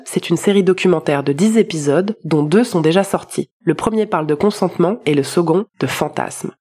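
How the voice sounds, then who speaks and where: A woman's voice: on the low side, darkish tone, slightly rough. A woman hosting a podcast review, delivering scripted narration with personal commentary.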